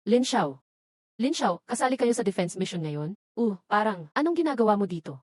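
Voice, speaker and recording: A woman's voice: medium pitch, big pitch swings, normal speed, darkish tone, no echo. Woman dubbing a drama in a dry voice. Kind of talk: dubbed short drama dialogue.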